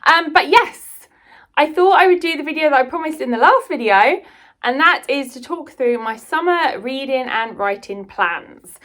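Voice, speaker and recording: A British book vlogger and writer chats casually and enthusiastically to her viewers in a rambling vlog. Her voice sits high and sounds fairly bright, with lively intonation at a normal pace.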